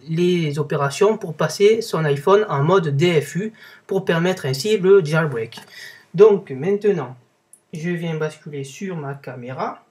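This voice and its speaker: A man's voice: a little high, slightly rough. A young man giving a casual spoken tech tutorial, chatty, with many fillers and self-corrections. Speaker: tech video blogger. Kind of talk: casual screen-recorded tutorial.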